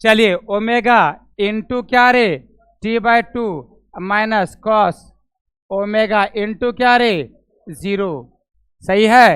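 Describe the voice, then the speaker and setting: A man's voice: high-pitched, fairly bright tone, clean tone, dry recording. A man teaching physics to a classroom of students, questioning them, repeating each step aloud and calling on them by name, with a Bihari Hindi accent. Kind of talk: classroom lecture.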